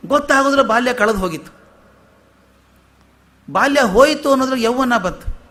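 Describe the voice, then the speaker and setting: A man with a fairly high voice delivers a spiritual discourse. He talks to his listeners in a lively, storytelling way, asking rhetorical questions and slipping in humorous asides. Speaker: spiritual lecturer. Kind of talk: philosophical discourse to an audience.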